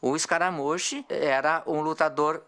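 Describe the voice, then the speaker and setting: A man's voice: fairly high pitch, steady tone, a little slow, fairly bright tone, clear, resonant tone. A man, a former wrestler explaining his sport in a documentary interview.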